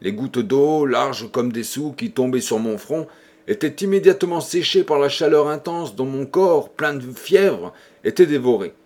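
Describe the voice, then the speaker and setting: A somber, guilt-ridden man confesses a murder in a grave, measured voice, as an audiobook reader puts him on. His pitch sits mid-range for a man, steady and unhurried. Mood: feverish recounting. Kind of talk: audiobook reading.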